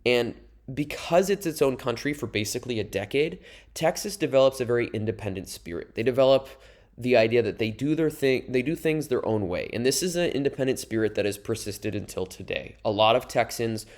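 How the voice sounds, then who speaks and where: A man's voice: medium pitch, animated, fairly quick. A young man teaching a history lesson over slides, explaining in a casual, conversational way with asides to his students. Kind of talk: recorded classroom lecture over slides.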